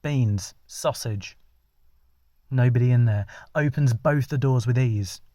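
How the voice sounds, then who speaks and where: Male storyteller, deadpan ad-lib narration, mid pitch, dry close-miked sound. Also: takes it slowly, no room sound. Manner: rambling, deadpan, many restarts. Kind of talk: ad-libbed comic storytelling.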